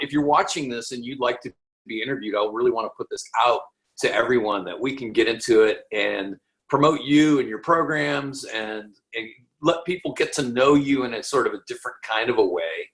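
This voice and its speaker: A man's voice: medium pitch, fairly bright tone. Eager male interview host. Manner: enthusiastic, restarts sentences often. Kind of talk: casual interview.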